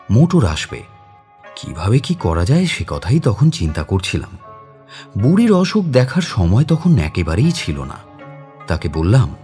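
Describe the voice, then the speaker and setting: In a dramatised literary audio story, an actor voices a mild, educated man of about forty recalling his past. His mid-range delivery is reflective and expressive, carrying a gently concerned mood.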